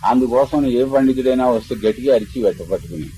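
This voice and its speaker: A man giving a religious discourse as a swami, retelling a scripture story with lively voicing of quoted speakers and some stammered restarts. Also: mid-range voice, quick pace, slight background noise, low-quality recording.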